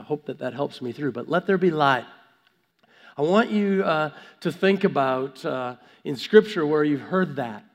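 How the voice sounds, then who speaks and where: A man preaching conversationally with a gravelly voice affected by a cold, halting and repeating words as he stresses his points. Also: on the high side. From Vancouver, Canada. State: has a cold. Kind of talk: conversational sermon. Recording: long hall reverb.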